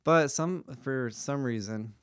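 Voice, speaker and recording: A relaxed young man hosting a podcast and talking through an idea with a buddy, loose and jokey and full of asides. His voice sits at a middle pitch and sounds dry and close to the mic, with hardly any room around it. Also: clear, resonant tone, no echo. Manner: laid-back, joking, quick asides. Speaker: podcast host. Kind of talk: casual explainer chat.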